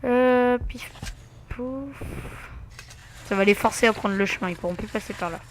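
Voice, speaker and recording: A man's voice: high-pitched, fairly even intonation, very fast, fairly bright tone, slight background noise. A man giving casual gameplay commentary, muttering to himself with asides and mild swearing. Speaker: let's play gamer.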